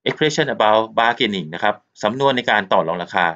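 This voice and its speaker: A man's voice: fairly low pitch, lively intonation, measured pace, fairly bright tone. A man from Thailand with a Thai accent teaching an English lesson, repeating polite particles and mixing Thai and English explanations. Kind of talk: recorded textbook lesson. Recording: muffled lo-fi recording.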